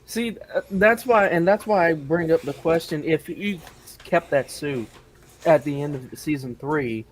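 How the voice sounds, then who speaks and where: A man's voice: on the high side, unhurried, a little hiss or hum. A man in a casual podcast chat, earnestly laying out a question step by step. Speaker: podcast guest.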